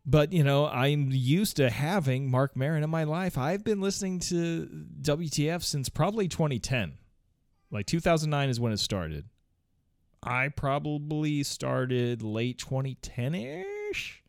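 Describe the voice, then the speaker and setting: Here the host, a man in his thirties, chats on his casual home podcast through a close mic, full of fillers, restarts, free swearing and frequent chuckles. He speaks at normal speed in a slightly high, slightly mellow voice with lively intonation, and the recording is dry.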